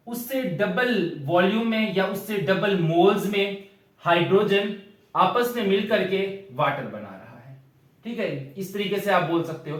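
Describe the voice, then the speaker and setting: A man's voice: sits high, far from the mic. A young man with a Pakistani Urdu accent giving a chemistry lecture, explaining step by step and often checking in with his students. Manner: explains step by step, often adds "theek hai". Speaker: chemistry teacher. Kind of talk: classroom lecture. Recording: echoey room, voice from afar.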